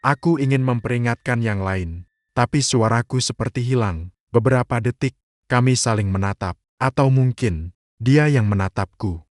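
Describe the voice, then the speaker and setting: A man, narrating a scripted horror story in a slow, hushed, suspenseful way. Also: fairly low pitch. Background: faint music.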